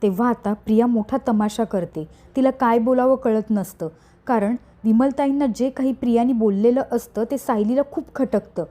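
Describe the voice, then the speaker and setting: A woman narrating a recap of a television serial in a steady storytelling manner. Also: a little high, normal speed. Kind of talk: scripted narration.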